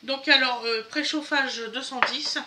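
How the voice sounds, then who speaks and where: A woman's voice: sits high, steady tone, unhurried, background noise. A middle-aged woman chatting to her viewers while she cooks in her home kitchen. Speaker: vlogger cooking with her family. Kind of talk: casual kitchen vlog chat. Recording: home kitchen with clattering dishes.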